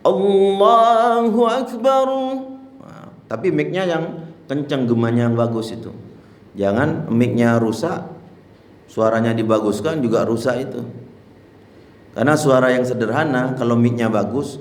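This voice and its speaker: A man's voice: medium pitch, moderate pace, long pauses, darkish tone. Man teaching prayer rules in roomy hall. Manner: demonstrates chanted recitation between plain explanation. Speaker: Islamic teacher. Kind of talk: religious lesson in a mosque. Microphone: handheld mic.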